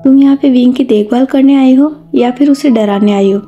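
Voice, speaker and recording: Lady reading as a joking dad type calming his wife, mellow tone. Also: sits high, moderate pace, lo-fi sound, soft background music. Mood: placating. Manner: teasing, placating. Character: teasing middle-aged husband and father, calm peacemaker.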